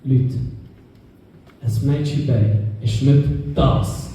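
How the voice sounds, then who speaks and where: A man's voice: medium pitch, extremely slow, dark tone. A young man from Switzerland with a Swiss German accent, telling ironic stories in a stand-up set. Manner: ironic storytelling to a live crowd. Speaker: stand-up comedian. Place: club stage. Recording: roomy live venue from far off.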